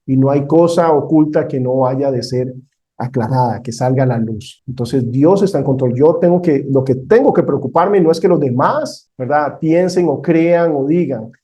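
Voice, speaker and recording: A man's voice: mid-range voice, moderate pace, dark tone. A middle-aged man teaching a Bible counseling class, talking conversationally, asking the class questions and telling a personal story.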